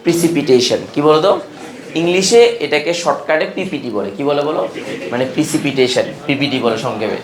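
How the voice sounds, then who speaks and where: A man's voice: fairly high pitch, lively intonation, brisk, echoey room, crowd noise. A man from Bangladesh giving a chemistry lecture in class, often asking students questions and repeating the key terms. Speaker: chemistry teacher.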